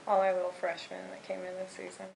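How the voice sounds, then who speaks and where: Flat, gravelly young woman, terse. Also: on the low side, fast, a little hiss or hum, poor audio. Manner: terse, short answers. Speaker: college cross-country runner. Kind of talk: casual interview answers.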